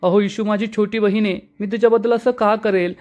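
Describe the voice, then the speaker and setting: Man putting on a scheming young woman, high shrill accusing voice, melodramatic serial retelling. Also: fairly even intonation, a little fast, a little mellow, natural voice. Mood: indignant.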